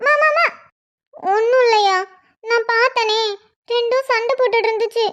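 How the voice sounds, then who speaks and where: A woman's voice: very high-pitched, fairly even intonation, normal speed, a bit bright, highs cut off. A woman voicing a fretful young woman who talks to herself in a cartoon.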